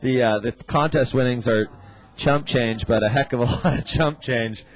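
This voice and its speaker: This is a man working as a surf contest announcer, calling the action live. His voice sits at an average pitch, and he talks conversationally, with relaxed surfer slang mixed into the scores and play-by-play. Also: normal speed, poor audio.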